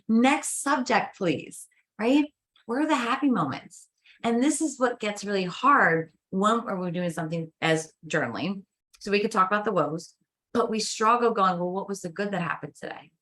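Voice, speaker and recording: Woman guest coach, middle pitch, emphatic and persuasive. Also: a bit bright. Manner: emphatic and coaching, with rhetorical questions. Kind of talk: casual interview chat.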